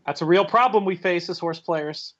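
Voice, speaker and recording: A man's voice: high-pitched, moderate pace, a bit bright, dull audio. A man co-hosting a horse racing podcast, asking probing questions and breaking down races analytically. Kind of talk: casual podcast chat.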